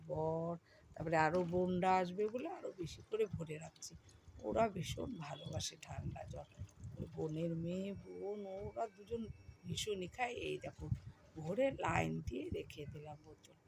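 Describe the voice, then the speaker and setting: Hoarse bengali lady chatting over her chores, gravelly fry all through, noisy background. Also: lowish voice. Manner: chatty, addresses viewers as friends. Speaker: vlogger. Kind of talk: casual voice-over of household chores.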